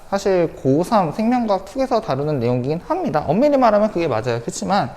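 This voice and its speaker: A woman's voice: on the low side, a little mellow, in a large hall. A woman teacher giving an online science lecture, repeating key points and asking the class rhetorical questions. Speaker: high school science teacher.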